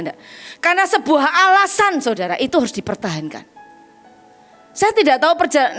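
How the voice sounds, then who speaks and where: A middle-aged woman preacher, delivering an animated, emphatic sermon. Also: high-pitched. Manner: animated, emphatic, mixes in English and Javanese phrases. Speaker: evangelist preacher.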